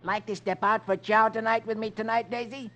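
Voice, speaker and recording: A man's voice: sits high, fairly even intonation, a little fast, bright, forceful tone, pitched above the performer's own voice. A man voicing an indignant, scheming cartoon duck in a 1950s radio reading of the funnies. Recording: old radio recording with music.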